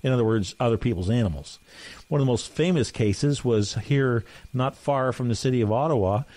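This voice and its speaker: A man's voice: mid-range voice, fairly quick, darkish tone. A man hosting a talk podcast, giving plain-spoken, folksy opinions in casual commentary. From Canada. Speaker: podcast host.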